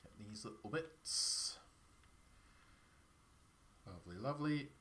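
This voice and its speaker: Expressive yet slow, his medium-pitched voice is bright and forceful. He's a Scottish man with a Perthshire accent and a cold-scratched throat, casually rambling and chatting in a self-deprecating way as he streams a game.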